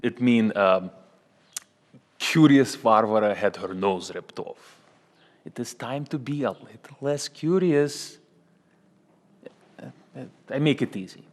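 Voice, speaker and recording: A man's voice: mid-range voice, lively intonation. A man playing a smug Russian union boss. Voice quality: broken English, halting repetitions. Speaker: union spokesman. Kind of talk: comedy sketch acting. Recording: long hall reverb.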